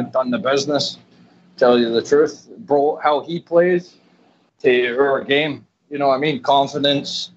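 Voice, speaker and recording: Canadian man with scottish twang, on the phone, easygoing, muffled line, faint hiss. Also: medium pitch. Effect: over the phone. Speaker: caller. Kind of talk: casual call-in chat.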